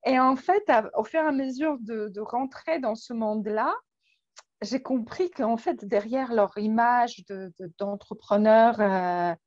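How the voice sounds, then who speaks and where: A woman's voice: on the high side, measured pace, darkish tone, no room sound, dull audio. A woman from Poland with a Polish accent, speaking French as a guest in a casual interview, hesitant and full of fillers and restarts. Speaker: guest coach.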